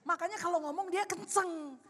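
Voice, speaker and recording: A woman pastor, preaching a sermon loudly and with animation, adding playful asides. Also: extremely high pitch, normal speed. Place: large church hall. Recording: long hall reverb.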